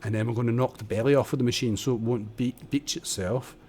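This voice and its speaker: A man's voice: medium pitch, steady tone, quick pace, a little mellow, slight background noise. Man chatting through a build stream. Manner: chatty, muttering while building, self-deprecating. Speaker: game streamer. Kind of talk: casual live-stream tutorial commentary. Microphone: desk condenser microphone.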